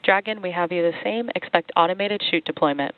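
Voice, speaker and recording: A woman's voice: lowish voice, fairly quick, no room sound. Clipped woman controller over tinny radio. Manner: clipped, procedural. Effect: tinny space-to-ground radio link. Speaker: mission controller. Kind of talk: terse radio callouts. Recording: tinny dry radio line.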